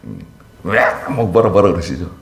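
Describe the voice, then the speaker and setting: A male pastor preaches from a church pulpit in a very low voice that still swings widely up and down. He speaks emphatically and keeps turning to address the congregation. The sound carries the echo of a church sanctuary. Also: lively intonation, moderate pace, a little mellow, a little hiss or hum. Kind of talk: sermon. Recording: echoey church hall.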